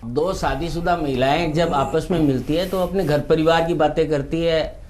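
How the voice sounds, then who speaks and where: A man reciting humorous poetry, telling the story in an unhurried way with comic timing. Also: a little high, fairly even intonation, a little mellow. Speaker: poet.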